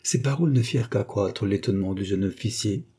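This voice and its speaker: A male narrator reads a classic novel with a measured, dramatic delivery. His voice sits low, with a dark, mellow timbre and a husky grain. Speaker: audiobook narrator.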